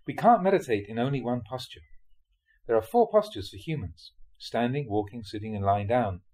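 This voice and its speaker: In an expressive, darkish mid-pitched voice, a male monk reads translated Buddhist teachings aloud from a script, in the manner of an audiobook of dharma talks. He phrases things deliberately in short, measured clauses, though the audio quality is poor.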